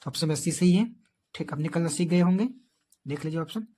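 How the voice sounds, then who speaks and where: A man's voice: on the high side, fast, warm tone, slightly rough. A man teaching a board exam math lesson, explaining each step and checking in often with the class.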